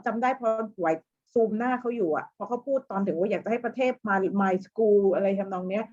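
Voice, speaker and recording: Animated woman on a dull video call. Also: mid-range voice, brisk. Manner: lively, animated storytelling. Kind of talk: casual meeting chat.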